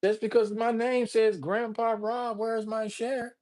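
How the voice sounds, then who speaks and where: In a casual livestream, an older host reads comments aloud, greets viewers by name, and rambles while joking. His voice is very high-pitched and darkish in tone, with little pitch movement and an unhurried pace.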